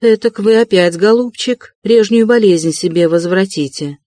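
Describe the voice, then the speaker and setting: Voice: mid-range voice, normal speed, mellow, no echo, natural voice. A reader voicing a fussy, ingratiating middle-aged male investigator in an audiobook, wheedling and chuckling. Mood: fussing, solicitous. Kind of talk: audiobook character reading.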